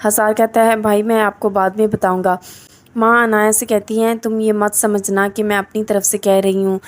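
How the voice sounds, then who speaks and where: Female reviewer for scripted recap narration; even, flat delivery. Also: mid-range voice. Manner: reads the characters' lines in her own voice. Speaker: drama reviewer.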